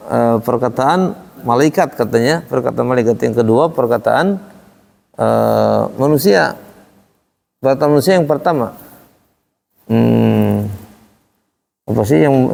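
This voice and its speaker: A man teaching Quran recitation to a small class in a relaxed, chatty way, acting out how questions sound. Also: mid-range voice, a little slow, creaky, pauses often. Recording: echoey room with long reverb.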